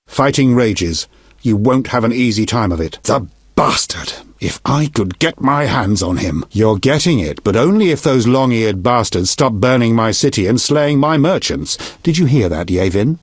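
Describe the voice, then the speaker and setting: A man's voice: medium pitch, no room sound, studio quality, close to an everyday voice. An actor playing a blunt, foul-mouthed, commanding middle-aged king in a fantasy video game, speaking with regal authority. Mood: angry, exasperated. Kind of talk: video game character dialogue.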